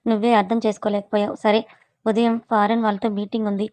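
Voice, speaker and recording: A patient young man coaxes and teases his angry friend, as a woman storyteller puts him on. He speaks briskly and stays level. It is a spoken serial story. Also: medium pitch, flat delivery, darkish tone, no room sound, close to an everyday voice. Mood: coaxing.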